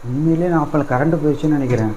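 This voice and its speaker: A man's voice: on the high side, racing, warm tone, slight background noise, rough recording. A man in a casual couple vlog, insistent and teasing as he pranks his partner in a home kitchen at night.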